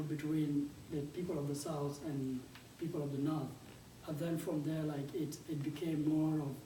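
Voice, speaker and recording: Picked up from afar in an echoey room with faint noise behind him, a fairly high-pitched young man with a South Sudanese accent speaks in a soft-edged, mellow tone. He's in his twenties, grew up in a Ugandan refugee camp, and now builds games and runs a startup. As a guest speaker at a conference, he talks informally, halting and repeating words often.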